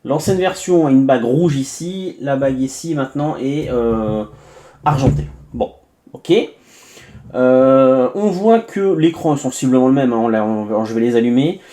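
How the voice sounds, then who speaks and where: Chatty French tech reviewer, mellow voice. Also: male voice, mid-range voice, expressive, moderate pace. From France. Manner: chatty, many hesitations and asides, narrates each step. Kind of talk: casual unboxing review.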